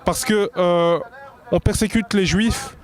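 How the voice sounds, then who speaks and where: Guy explaining his cause outside, kinda high voice, lots of ums, earnest. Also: fairly even intonation, takes it slowly. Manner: earnest, hesitant, with frequent fillers.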